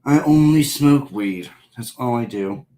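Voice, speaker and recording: A man in his thirties from Ohio talks to his stream chat in an unhurried, drawn-out way. He is loose and profane. His voice sits at a middle pitch and carries a roomy echo. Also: lively intonation, mellow. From Ohio, USA. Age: 30s. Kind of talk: casual live-stream chat with viewers.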